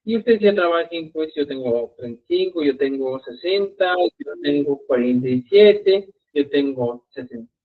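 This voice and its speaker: Male teacher, live online lesson, patient and full of check-ins, slightly high voice, phone-like sound. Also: lively intonation, normal speed. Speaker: language teacher. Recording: tinny phone-like audio.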